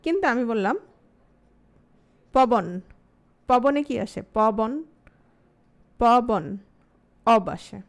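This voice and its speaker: A woman with a high voice and a Bangladeshi Bengali accent teaches an online grammar class. She asks the students many questions and says example words slowly, one by one, before she explains the rule. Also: clean tone.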